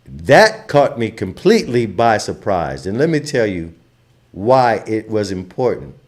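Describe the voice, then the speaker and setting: A man's voice: lowish voice, big pitch swings, unhurried. Impassioned man. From Trinidad and Tobago. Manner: impassioned, emphatic, grows louder when fired up. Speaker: channel host. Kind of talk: opinionated commentary monologue.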